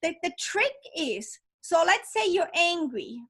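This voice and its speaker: A woman's voice: very high-pitched, very animated, unhurried, sharp tone. A woman author, not a native English speaker, talking with upbeat enthusiasm as a podcast guest. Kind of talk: casual interview chat.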